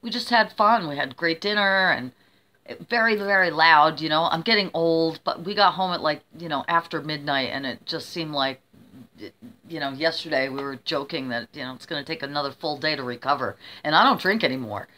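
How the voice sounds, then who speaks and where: A woman's voice: sits low, fairly quick, bright, forceful tone. A middle-aged woman with a mild cold, sounding a bit under the weather as she rambles casually to her viewers, often interrupting herself. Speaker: vlogger.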